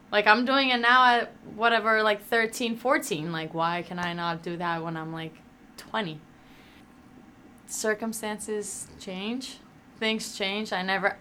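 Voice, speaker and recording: A woman's voice: medium pitch, bright, forceful tone. A woman in her early twenties who grew up in Greece, chatting casually as a graduating student guest on a podcast, full of "like"s. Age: early 20s. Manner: chatty, uses many fillers. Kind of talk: casual interview answers.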